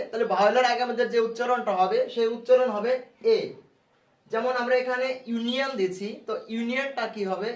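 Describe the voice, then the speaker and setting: A man tutoring English grammar at a board, explaining each rule step by step and repeating the key points. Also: high-pitched. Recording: echoey room, voice from far off the mic.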